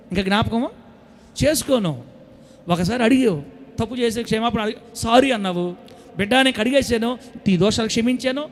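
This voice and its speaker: High-voiced preacher with swinging loudness. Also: male voice. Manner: preaching with sudden loud and soft swings, scolding and coaxing the flock. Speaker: pastor. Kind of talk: sermon.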